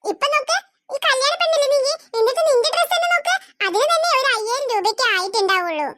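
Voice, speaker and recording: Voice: very high-pitched, expressive, fast, bright, forceful tone, exaggerated voice. A voice actor doing a gloating scheming cartoon aunt. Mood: mock-sweet. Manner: gloating, bragging, mock-sweet. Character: greedy boastful scheming aunt, adult woman. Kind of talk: Malayalam cartoon voice acting.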